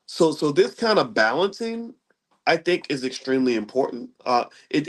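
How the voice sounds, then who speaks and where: A middle-aged man, casually explaining money ideas in a rambling style and often checking in with "right?". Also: mid-range voice. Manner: conversational, rambling with restarts, asks listeners "right?". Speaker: commentator on economics. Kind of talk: casual lecture-style talk.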